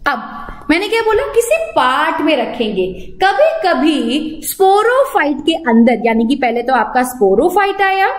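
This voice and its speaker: Woman, Indian accent, teacher, lively lecture, roomy sound. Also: sits high. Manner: mixes Hindi and English, asks and answers her own questions. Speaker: biology teacher. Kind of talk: online class lecture.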